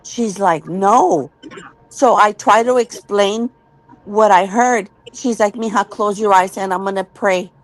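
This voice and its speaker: Woman telling her ghost story real slow, earnest, keeps repeating herself. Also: medium pitch, rough recording. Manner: slow, earnest, repeats words when tense. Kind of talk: casual storytelling.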